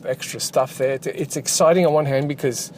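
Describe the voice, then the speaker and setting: With a steady, medium-pitched, slightly mellow voice and a brisk delivery, a man rambles casually as he drives. He's a game developer and channel host, his talk dotted with fillers and restarts, and the car's road noise is audible.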